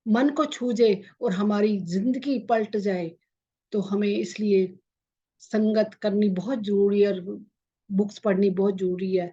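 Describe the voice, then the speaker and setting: A woman meditation teacher giving a spiritual talk to her group, halting and repetitive, with many filler sounds. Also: medium pitch, dark tone, breathy edge. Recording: dull lo-fi recording.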